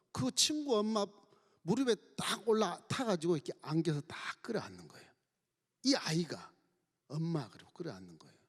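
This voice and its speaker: A man preaching to his congregation, his voice rising and falling in wide swings as he tells the story. He speaks a little higher than most men. The sound rings out in a large, reverberant church hall. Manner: storytelling with lively acted quotes. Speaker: pastor. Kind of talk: sermon. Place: church sanctuary.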